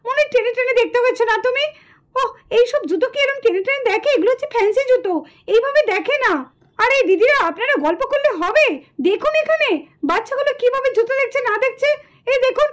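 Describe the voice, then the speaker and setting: A woman voicing an indignant woman shoe-shop keeper who complains loudly and accuses the customers in a puppet show. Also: very high voice.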